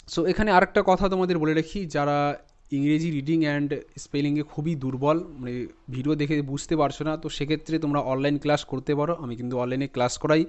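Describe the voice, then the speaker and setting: A man teaching a lesson in a Bengali accent, spelling words out letter by letter and repeating them slowly. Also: fairly high pitch. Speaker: English teacher. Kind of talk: spoken lesson on English pronunciation.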